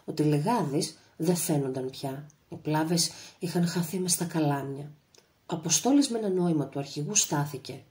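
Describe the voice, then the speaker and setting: A woman reads a novel aloud in a measured, dramatic audiobook voice. Her voice sits very low for a woman, steady and deliberate. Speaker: audiobook narrator. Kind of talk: literary audiobook narration.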